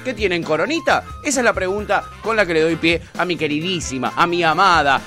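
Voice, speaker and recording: A man's voice: sits high, fast talker, bright, forceful tone, soft background music. A young man with an Argentine Rioplatense accent hosting a morning radio show, teasing and exaggerating in playful banter. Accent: Rioplatense Spanish. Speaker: radio host.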